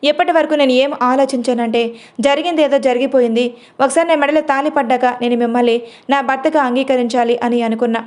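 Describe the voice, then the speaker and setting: A woman's voice: high-pitched, fairly even intonation, quick pace, a little mellow, lightly acted. A woman storyteller voicing a heartbroken young wife who accuses her husband through tears in a storybook. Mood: furious, tearful. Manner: crying and accusing.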